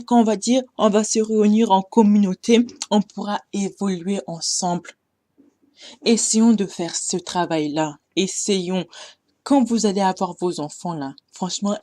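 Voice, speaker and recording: A young woman talks straight to her audience in a relaxed storytime monologue. She grows impassioned and stops often to hesitate, at a middle pitch. The recording is dry and close. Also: no echo. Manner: impassioned, exhorting, with many hesitations.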